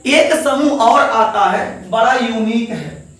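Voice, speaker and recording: Guy teacher w lilt, quite high voice, keeps asking the class then answering, sounds far off from the mic. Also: takes it slowly, a bit bright. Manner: coaxing, repeats each answer as a question to the class. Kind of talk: classroom chemistry lecture. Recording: echoey room, voice from a distance.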